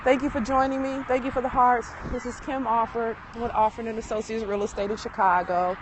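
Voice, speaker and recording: A chatty woman real estate agent talks her way through a casual walking live-stream, full of fillers and easy asides. She sounds a little winded from the walk. Her voice comes through a handheld phone outdoors, with clear city noise around her. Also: a little high, flat delivery, brisk. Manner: chatty, rambling, with many fillers and laughs. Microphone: phone held while walking.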